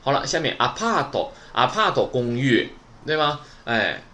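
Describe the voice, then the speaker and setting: A man's voice: mid-range voice, sing-song, slow, pushed and bright. A man teaching Japanese vocabulary in a casual lesson, chatty and full of rhetorical questions.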